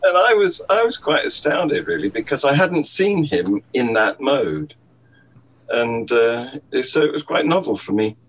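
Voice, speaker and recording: A man's voice: mid-range voice, sing-song, measured pace, slight background noise, rough recording. A man talking casually as a guest in a discussion, wry and reasoned, often chuckling.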